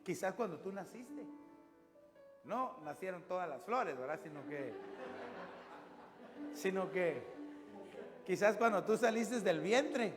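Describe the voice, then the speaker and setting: High-voiced preaching man, reverberant. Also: slow, pauses often. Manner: storytelling, conversational, lively rises and drops. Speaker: pastor. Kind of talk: sermon. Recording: long reverb with music behind. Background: music.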